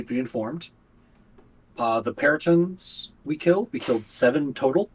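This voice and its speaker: A man's voice: mid-range voice, a little mellow, rough recording. A man playing a character in a tabletop role-playing game, speaking hesitantly with stammering restarts. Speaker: player.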